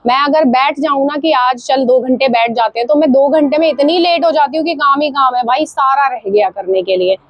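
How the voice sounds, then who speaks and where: A woman's voice: high voice, fairly quick, hardly any pauses, muffled recording. A woman in her thirties, a mother chatting casually to her viewers as friends while cooking at home. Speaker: family vlogger and mother. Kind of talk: casual vlog chat to viewers. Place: home kitchen.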